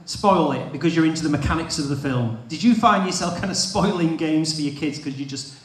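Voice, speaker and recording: A man's voice: on the high side, fairly quick. A man interviewing a guest on stage, asking eager, rambling questions with hesitations. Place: large expo hall stage. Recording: echoey hall mic heard from a distance.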